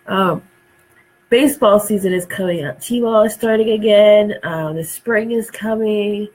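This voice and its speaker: A woman's voice: medium pitch, normal speed, a little mellow, breathy edge, poor audio. A woman hosting a casual craft live stream. She is stuffed up and dry-throated from a cold, and she rambles with many ums and uhs.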